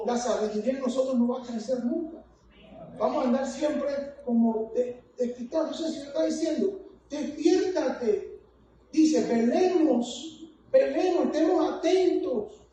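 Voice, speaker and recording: A woman with a high but dark-toned voice delivers a fervent sermon, repeatedly calling her listeners "hermano." She's recorded in an echoey hall on a distant mic, with faint noise.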